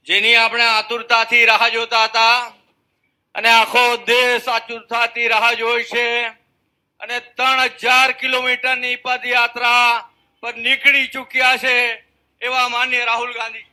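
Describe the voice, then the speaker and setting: High, flat-toned male rally announcer. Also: poor audio. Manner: measured, ceremonious introduction. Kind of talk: formal stage announcement.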